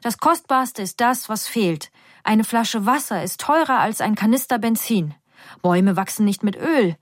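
Outspoken market woman, fervent and indignant, pitched a little high, read by a woman narrator. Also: expressive, a little slow, dry recording, clean studio sound. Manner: passionate, indignant. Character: outspoken middle-aged female market vendor.

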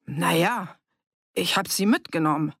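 A reader voicing a loud blustering village rabble-rouser. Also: male voice, fairly high pitch, a little slow, gravelly, husky, no echo, studio quality, full character voice. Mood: agitated. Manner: loud, rabble-rousing, boastful. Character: blustering village man stirring up a pub crowd. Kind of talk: audiobook character reading.

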